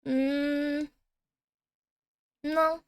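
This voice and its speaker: A woman's voice: sits high, flat delivery, extremely slow. A woman running a tabletop game on a livestream, chatty, humming and laughing as she looks things up. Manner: chatty, laughs often, hums while looking things up. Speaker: game master.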